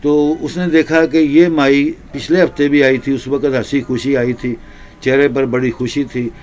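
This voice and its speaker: A man preaching in a slow, repetitive storytelling manner with drawn-out pauses. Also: medium pitch, little pitch movement, darkish tone. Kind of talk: storytelling sermon.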